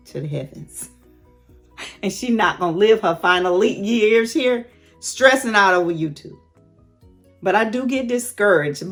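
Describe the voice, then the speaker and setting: A woman's voice: lowish voice, fairly bright tone. A woman in her late fifties chatting candidly and laughing often as she answers viewer questions in a casual vlog. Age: late 50s. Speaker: YouTube host.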